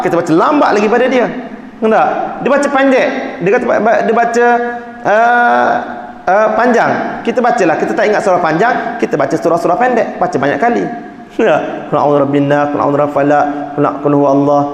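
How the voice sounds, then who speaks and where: A man gives a religious book lesson in a mosque, his voice sitting fairly high for a man. He talks conversationally and keeps turning to his listeners with quick check-ins. The hall around him rings with a long, roomy reverb. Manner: conversational teaching, fillers like "nah", "ha", "tak?". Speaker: religious teacher.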